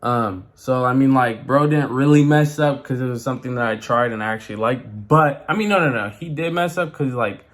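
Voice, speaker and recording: A man's voice: medium pitch, fairly quick, few pauses. A young man vlogging, talking casually and rambling with lots of fillers and slang. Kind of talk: casual talk to camera.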